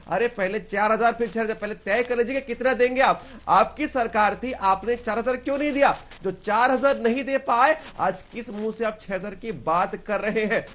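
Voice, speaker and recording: High-voiced man rebutting assertively. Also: fairly bright tone. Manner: assertive, rhetorical questioning. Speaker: party spokesperson. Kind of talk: heated televised debate.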